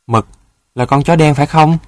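A man's voice: a little high, moderate pace, dry recording, voice pushed up, natural voice. A man voicing a proud, friendly boy of about twelve in a storybook, a bit boastful. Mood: cocky.

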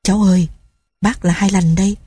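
A woman's voice: mid-range voice, steady tone, fairly quick, warm tone, husky, no echo, natural voice. A woman voicing a fearful, bitter old peasant man who laments his fate.

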